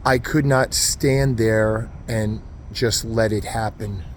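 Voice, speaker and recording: A man who teaches martial arts, telling a story to camera in an earnest, halting way, full of ums and uhs, at a train station. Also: on the low side, steady tone, slight background noise.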